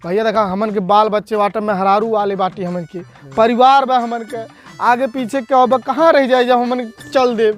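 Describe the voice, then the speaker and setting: A man's voice: very high-pitched, steady tone, moderate pace, soft background music. A man playing a harried, plaintive policeman who pleads and grumbles in a comedy sketch, with an eastern Uttar Pradesh Bhojpuri accent. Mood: pleading. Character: plaintive, harried policeman begging villagers for handouts.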